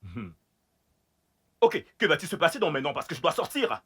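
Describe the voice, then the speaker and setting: A man's voice: on the high side, big pitch swings, brisk, sharp tone, slightly rough, heavily acted. An actor dubbing a puzzled husband caught in his wife's lie, questioning and bewildered, for a French film dub.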